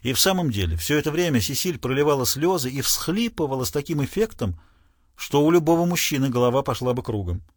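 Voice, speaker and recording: A man narrating an audiobook chapter in an expressive storytelling voice. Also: mid-range voice, fast talker, dry recording, clean studio sound. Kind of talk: scripted narration.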